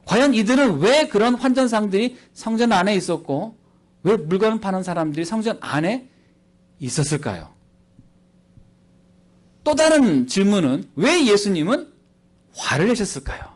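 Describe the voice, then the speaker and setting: A man preaching as a missionary at a church service, animated and playful, quizzing the congregation into a handheld microphone. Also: high-pitched, normal speed, pauses often. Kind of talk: sermon.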